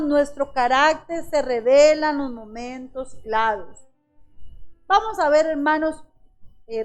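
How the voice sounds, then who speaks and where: A woman with a high voice preaches a sermon, calling her listeners brothers and asking them one rhetorical question after another. She slows down to stress key phrases. Quiet music plays underneath. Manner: addresses the congregation as brothers with frequent rhetorical questions. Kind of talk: church sermon.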